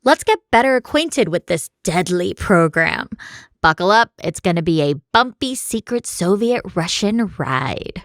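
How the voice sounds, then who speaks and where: A woman's voice: on the low side, very animated, a little slow, dry recording, clean studio sound. A woman co-hosting a scripted podcast, narrating with a playful, teasing manner. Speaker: podcast co-host.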